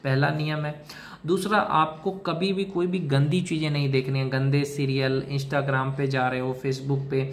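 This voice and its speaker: A man's voice: mid-range voice, level tone, unhurried, slight background noise. A man giving a direct-to-camera advice monologue, lecturing in a repetitive way and talking to the listener like a brother. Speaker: self-help video host.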